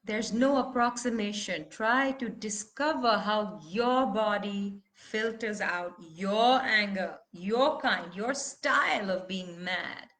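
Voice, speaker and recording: A woman's voice: mid-range voice, slow, hardly any pauses, a bit bright. A woman leading a live online voice workshop, talking students through feelings and breaking into emotive vocal sounds. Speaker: voice teacher.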